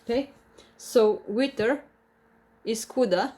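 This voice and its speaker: A native Croatian-speaking woman with a Croatian accent teaches a live online language lesson. She explains slowly and carefully, often restarting and repeating examples. Her voice is fairly high-pitched with a dark tone.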